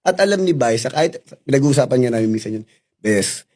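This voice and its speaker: A middle-aged Filipino-accented man candidly telling stories in an interview, animated and laughing as he acts out the dialogue. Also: medium pitch, fast talker. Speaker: interview guest.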